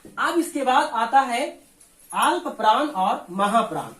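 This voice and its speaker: Slow roomy-voiced male teacher. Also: very high-pitched, animated, a bit bright. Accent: Bihari Hindi. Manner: slow, explains step by step, asks and answers own questions. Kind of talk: board exam lesson. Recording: roomy echo.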